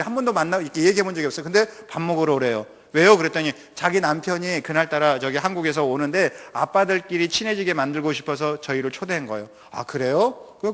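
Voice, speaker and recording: Lively storytelling missionary preacher, man. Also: fairly high pitch, big-room sound. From North Jeolla Province, Korea. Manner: lively, humorous storytelling that draws laughs. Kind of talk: sermon with personal storytelling.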